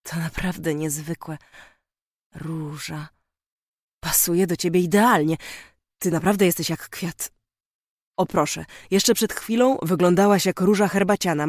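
Shy dreamy young man, hesitant, soft-spoken, dry studio read; narrator's own voice. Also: medium pitch, normal speed, dry recording, close to an everyday voice. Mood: admiring.

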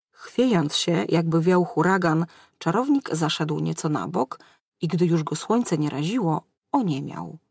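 A woman narrating a fairy tale in a measured storytelling manner. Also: sits low, creaky, a little mellow, breathy edge, no echo, studio quality.

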